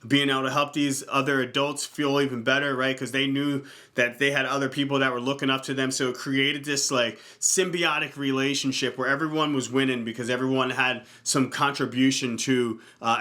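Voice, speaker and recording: A man in his thirties with a bright, clear-cut voice gives an earnest motivational talk as a fitness coach. He speaks casually and keeps tossing in "right?" to pull the listener along. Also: mid-range voice, level tone, moderate pace, few pauses. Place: indoor room.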